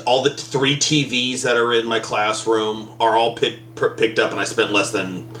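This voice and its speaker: A man's voice: medium pitch, steady tone, moderate pace, a bit bright. A man co-hosting a casual podcast, a public school teacher rambling with wry, profane banter. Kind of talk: casual chat. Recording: echoey room with faint hum.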